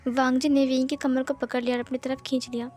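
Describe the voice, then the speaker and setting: Female storyteller, high voice, steady read-aloud narration, faint music underneath. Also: quick pace. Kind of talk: reading a fan-fiction romance aloud.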